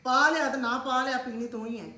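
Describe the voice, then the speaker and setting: A nagging mother in a homemade comedy skit, a woman with a Pakistani Punjabi accent. Her voice is high and bright, and she scolds in quick, sharp bursts. The room around her rings with echo. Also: steady tone. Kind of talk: comic family skit.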